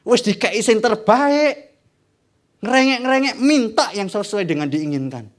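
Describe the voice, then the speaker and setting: A man voicing a weary fatherly God, speaking slowly and in exasperation. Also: sits high, lively intonation, voice pushed up. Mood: exasperated. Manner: slow, exasperated sighing. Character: weary fatherly God sighing over his children.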